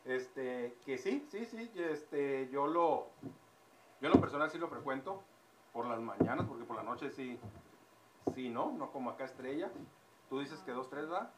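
A man hosting a podcast, telling a joke in a casual, slangy, animated way. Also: mid-range voice, measured pace. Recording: echoey room, far mic, loud background noise.

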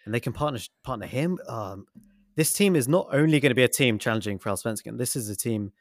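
A man's voice: medium pitch, animated, quick pace, no room sound, studio quality. A man co-hosting a football podcast, enthusiastic and rambling in his analysis. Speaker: podcast co-host. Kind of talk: casual football podcast chat.

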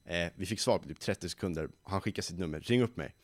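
A lively nineteen-year-old man talks in a fairly low voice, telling how his company got started. His voice is close and dry, with no room sound behind it. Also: no echo. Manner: lively storyteller who acts out quoted voices. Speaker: young company founder, guest. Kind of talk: casual podcast interview.

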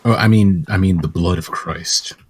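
A man's voice: low-pitched, normal speed, breathy edge. A man hosting a comedy podcast with casual, joking banter.

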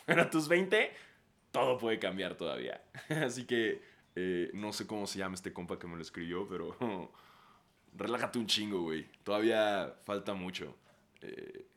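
A podcast host in his thirties with a Mexican Spanish accent gives casual advice, swearing freely and tossing in slang like "güey" after almost every phrase. His voice is on the low side with a fairly bright tone.

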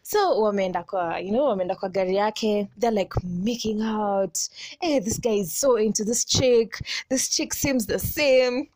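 A Kenyan woman telling a story in a casual chat, animated and quick to laugh, mixing slang into her English. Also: medium pitch.

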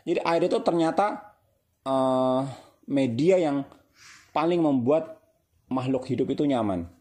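Mellow-voiced man preaching casually. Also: a little high. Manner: conversational, repetitive, rhetorical questions. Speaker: Islamic preacher. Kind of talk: casual religious talk.

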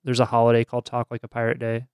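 A man's voice: medium pitch, completely flat delivery, very fast, a little mellow, smooth, dry recording, studio quality. A man co-hosting a casual podcast chat, curious and joking. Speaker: podcast co-host.

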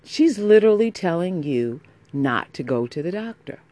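A woman's voice: lowish voice, big pitch swings, warm tone, no echo. A woman hosting a podcast, introducing it in a sultry, intimate voice. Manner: sultry, slow, intimate delivery. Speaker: podcast host. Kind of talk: scripted-sounding podcast intro.

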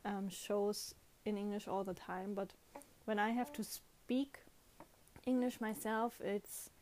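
A young woman with a German accent chats casually on her podcast in non-native English, frequently restarting and correcting herself as she goes. Her medium-pitched voice is darkish, slow, and fairly even in intonation. There's slight background noise.

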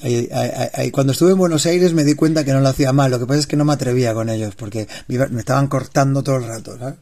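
Man, peninsular Spanish accent, author guest, casual interview, animated storyteller, repeats words. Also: mid-range voice, fast talker. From Spain.

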